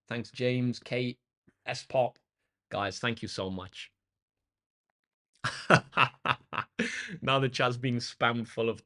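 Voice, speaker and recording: A maths tutor on a livestream, speaking in a medium-pitched, slightly bright voice that's a bit croaky and tired. He keeps things casual and informal, talking directly to viewers and thanking them.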